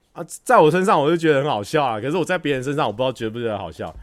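A man's voice: a little high, racing. A man hosting a livestream, telling stories casually, acting out scenes and laughing often. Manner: animated storytelling, acts out scenes, laughs often. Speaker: livestream host. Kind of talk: casual chat with viewers.

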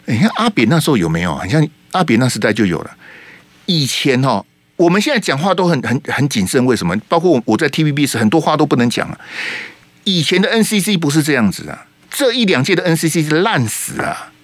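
Heated Taiwanese talk radio host. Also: male voice, on the high side, very animated, fast talker, no room sound. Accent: Taiwanese Mandarin. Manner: heated, emphatic, fires rhetorical questions at listeners. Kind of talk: political talk radio commentary.

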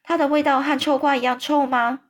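A woman's voice: high voice, little pitch movement, brisk, voice pushed up, natural voice. A woman voicing a polite, curious little girl who asks eager questions.

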